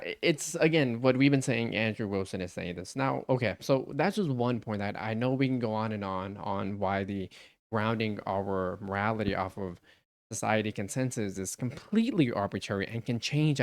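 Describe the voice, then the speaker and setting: A man hosting a reaction stream, talking casually and building to incredulous outbursts. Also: on the low side. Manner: animated, rising to incredulous outbursts.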